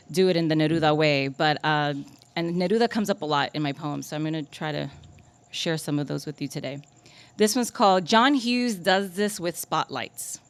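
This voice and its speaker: A woman poet with a low-leaning voice gives a live reading at a coffee shop, with clean sound. She reads her poems deliberately and measuredly, and between them she chats casually and pokes fun at herself.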